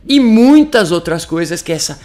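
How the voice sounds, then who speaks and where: A man with a Brazilian Portuguese accent teaching English in an informal online lesson, animated, with frequent hushed demonstrations. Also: high-pitched, moderate pace, soft background music. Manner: animated and lively, often dropping into a hushed voice to demonstrate.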